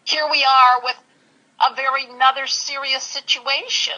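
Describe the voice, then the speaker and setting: A woman telling her personal story in an interview, halting and searching for words. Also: high-pitched, little pitch movement, sharp tone, muffled recording. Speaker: interview guest.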